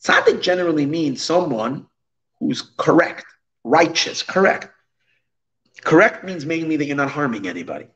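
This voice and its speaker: A man's voice: on the high side, sing-song, normal speed, fairly bright tone, muffled recording. A man giving an explanatory religious lecture as a teacher, reading phrases and translating them, with emphatic repetition and rhetorical questions.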